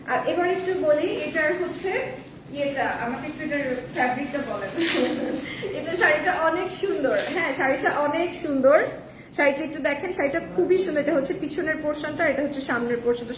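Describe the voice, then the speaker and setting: A hoarse woman hosting a live stream to sell sarees, chatting with viewers and mixing English into her talk. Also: high voice, roomy sound, far from the mic, background noise. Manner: chatty, reads viewer comments, mixes in English. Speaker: live-sale host.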